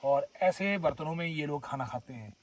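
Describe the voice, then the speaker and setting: A man's voice: a little high, moderate pace, far from the mic, slight background noise. A man from Himachal Pradesh with a Himachali accent, chatting casually to his viewers while filming at a herders' camp in the forest. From Himachal Pradesh, India. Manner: chatty, addresses viewers as friends and brothers. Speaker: vlogger. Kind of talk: casual vlog narration.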